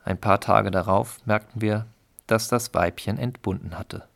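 A man's voice: on the low side, measured pace, gravelly, fairly bright tone. A man narrating a story in a dry, wry reading style. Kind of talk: audiobook reading.

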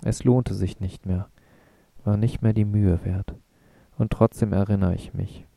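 Earnest, musing young man, voiced by a man, rough delivery, low dark voice, dry sound, audiobook. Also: fairly even intonation, measured pace, dry recording. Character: brooding, searching young man. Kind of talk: audiobook reading.

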